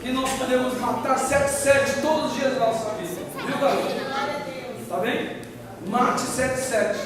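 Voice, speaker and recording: A middle-aged preacher from Brazil with a high voice leads his congregation in loud call-and-response chants. He sounds far from the mic in a large church with a long echo. Room noise and the crowd's replies are heard behind him. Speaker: guest preacher. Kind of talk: sermon.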